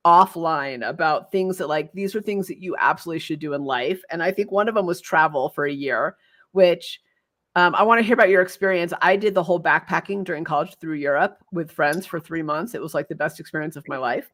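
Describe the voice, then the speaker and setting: A woman's voice: sits low, fairly quick, fairly bright tone. A woman in her fifties hosting a casual interview, chatty and effusive, talking freely with lots of fillers. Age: 50s. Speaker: podcast host.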